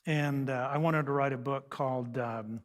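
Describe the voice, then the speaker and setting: A man in his 60s or older, a radio host who speaks on raising teens, gives a humorous seminar talk on family life to a church audience in a large hall. He's folksy, joking, and conversational, poking fun at himself. His medium-pitched voice is fairly even at a moderate pace, with long reverb from the live hall.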